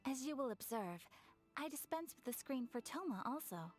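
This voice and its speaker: A woman's voice: sits high, lively intonation, normal speed, soft background music. A woman voicing a gracious young noblewoman in a video game, speaking in a formal, courteous manner.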